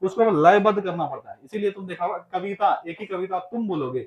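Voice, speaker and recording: A man's voice: sits high, fairly quick, lo-fi sound. A man from Bihar, teaching an exam-prep class and drilling students with repeated questions and answers. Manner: chants answers in a loud, laughing sing-song.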